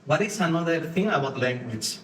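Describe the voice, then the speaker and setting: A man from Spain with a Spanish accent, giving a live conference talk with halting phrasing and frequent restarts while acting out postures and inner voices for the audience. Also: on the high side, expressive. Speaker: conference speaker. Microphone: distant room mic. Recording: echoey room from far off, faint noise.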